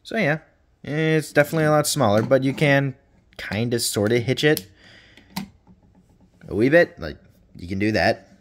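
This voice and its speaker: In an echoey room whose reverb lingers on every phrase, a chatty man rambles through a toy review at an ordinary pitch, dropping playful curses here and there. He talks at a moderate pace with frequent pauses, over a faint hiss or hum.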